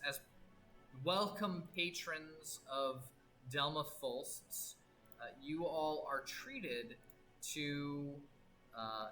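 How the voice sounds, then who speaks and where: A man narrating as game master of a tabletop game, describing scenes with many pauses and restarts. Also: medium pitch, sharp tone, rough recording. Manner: halting, full of fillers and restarts, descriptive.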